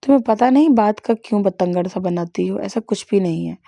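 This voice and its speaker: A woman's voice: medium pitch, vocal fry, mellow, no room sound. A woman voicing a brusque, short-tempered young man who speaks curtly and firmly, as part of a story reading. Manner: curt and firm.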